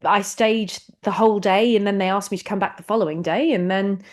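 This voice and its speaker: A woman talks as a guest on a podcast, at a middling pitch. She is bubbly and expressive and laughs easily as she tells her story. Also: a little fast. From New Zealand. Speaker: actress and singer, guest. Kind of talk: casual interview chat.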